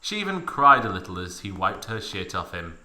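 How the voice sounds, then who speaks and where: Slightly fast and low-pitched, the man hosting this mock-dramatic reading performs theatrically and with lots of energy. He interrupts the story for joking side remarks, and the recording has an echoey room sound.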